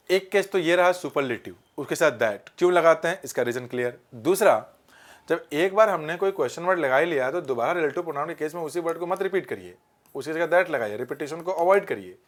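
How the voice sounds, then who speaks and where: A man teaching an online grammar lesson at a whiteboard with an Indian English accent. He mixes Hindi with English examples, asks viewers to comment, and acts out little scenes to explain. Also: fairly high pitch.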